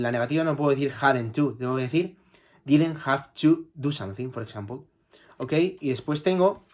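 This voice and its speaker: A man's voice: medium pitch, darkish tone. Teacher, man. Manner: patient, repeats and checks with "¿vale?". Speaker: English teacher. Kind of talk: explaining grammar in Spanish.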